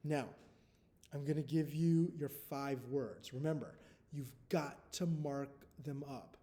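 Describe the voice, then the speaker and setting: A male teacher dictates a spelling test to young children at an unhurried crawl. His voice sits a little high for a man, and he repeats each sound and word, spelling the letters out one by one. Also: warm tone. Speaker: first-grade teacher.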